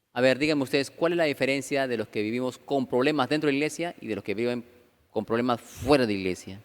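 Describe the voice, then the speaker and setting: A man's voice: mid-range voice, a little fast, clear, resonant tone. A man preaching a conversational sermon as pastor, peppering the congregation with rhetorical questions and acting out the voices of churchgoers. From Peru. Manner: acts out quoted voices of churchgoers. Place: church hall. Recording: reverberant church hall.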